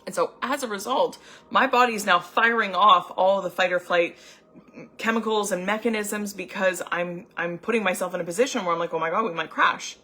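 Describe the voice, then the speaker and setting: A young adult woman, an anxiety coach, telling a personal story in a chatty, animated way with many filler words. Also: mid-range voice, fairly quick. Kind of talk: casual storytelling vlog.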